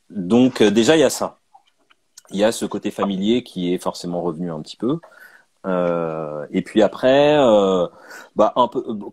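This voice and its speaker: A man born in Canada, answering interview questions about his comic art in a hesitant, relaxed way, with many fillers and restarts. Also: low-pitched, dry recording. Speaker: guest comic artist.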